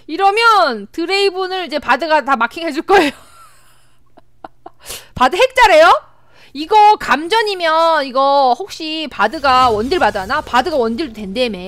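Lively high-voiced young woman streamer. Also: no room sound. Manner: chatty, excitable, shrieks and laughs at the game. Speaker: game streamer. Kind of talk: live game-stream chat.

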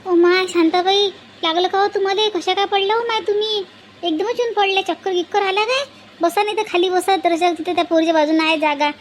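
A woman's voice: very high-pitched, steady tone, fast talker, few pauses, slight background noise. A woman voicing a fussing, caring village woman with a Varhadi Marathi accent. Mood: worried. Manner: fussing, concerned.

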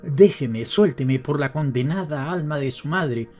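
A man with a Latin American Spanish accent voicing a furious, grieving miserly father who shouts and rails bitterly in an audiobook. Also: fairly high pitch, animated, a little slow, faint music behind.

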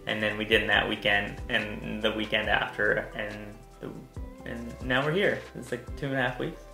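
A man's voice: on the low side, fairly even intonation, normal speed, gravelly, sharp tone, soft background music. A man co-hosting a casual home video, telling a story in a chatty, detail-heavy way. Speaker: co-host. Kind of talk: casual chat. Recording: echoey room.

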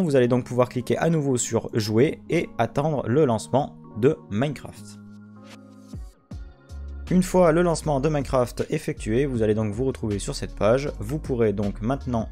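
A young man hosting a screen-recorded software tutorial, giving steady step-by-step instructions into a desktop microphone. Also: medium pitch. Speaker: tutorial host.

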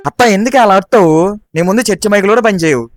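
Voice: mid-range voice, racing, over music, natural voice. A performer voicing a young in-law who teases the angry mother-in-law. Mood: teasing. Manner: teasing, mocking.

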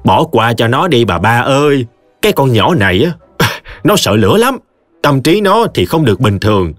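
A man's voice: mid-range voice, very animated, normal speed, no room sound, soft background music, natural voice. A man voicing a village bystander who coaxingly pleads.

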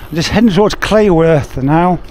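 A man's voice: on the high side, moderate pace, a little mellow, a little hiss or hum. A man in his forties talking casually to a camera on his bike as he rides outdoors on woodland trails. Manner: chatty, self-narrating while pedalling. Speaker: bikepacking vlogger. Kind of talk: casual ride commentary. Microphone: action camera on the bike.

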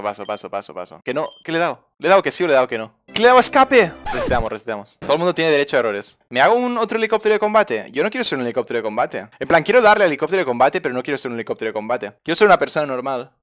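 An excitable young man streaming a game from his desk mic, talking casually, swearing freely and reading the game's text aloud. His voice is mid-pitched, with faint music playing behind him. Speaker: gaming streamer. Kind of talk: casual gameplay commentary.

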